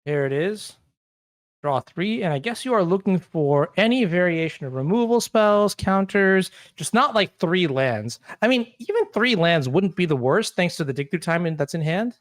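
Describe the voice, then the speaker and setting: A young man co-commentating a live card game match in a high voice. He gets excited and stumbles over restarts. The sound is dry and close, with no room echo. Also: moderate pace. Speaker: tournament co-commentator.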